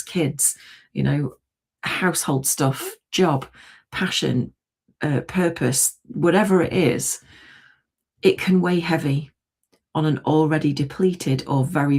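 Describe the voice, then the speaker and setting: Woman, low gravelly voice, slightly husky, slow soothing tapping guidance, livestream chat. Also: a little mellow. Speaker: tapping and energy work coach. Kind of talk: guided tapping session on a morning livestream.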